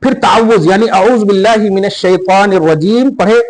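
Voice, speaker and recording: Man, high voice, emphatic religious teacher, step-by-step explanation. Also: normal speed, low-quality recording. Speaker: Islamic scholar teaching prayer. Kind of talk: religious instruction in a podcast conversation.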